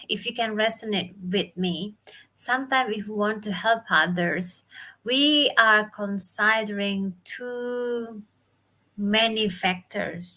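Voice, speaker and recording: A woman's voice: mid-range voice, bright, forceful tone. A woman from Bali in her thirties with an Indonesian accent, chatting casually on a live stream from home, English not her first language, with many fillers. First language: Balinese or Indonesian, not English. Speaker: livestream host and business mentor. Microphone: phone or webcam live stream.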